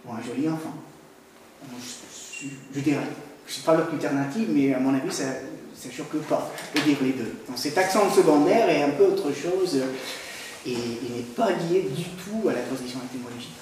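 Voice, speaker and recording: A man giving an academic talk on language history, hesitant with frequent pauses and fillers. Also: mid-range voice, darkish tone, heavy reverb, far from the mic, slight background noise, poor audio. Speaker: lecturer.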